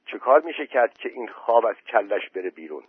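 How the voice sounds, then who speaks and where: A man's voice: lowish voice, sing-song, breathy edge, no echo. A man voicing a worried village headman who asks practical, fretful questions. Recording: dry tinny phone-like voice message.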